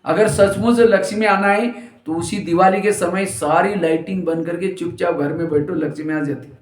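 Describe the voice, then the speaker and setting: An Indian spiritual teacher with a high-pitched voice delivers a discourse at normal speed in a steady tone. He tells funny stories and acts out what people said, his jokes and quotes echoing around a roomy hall.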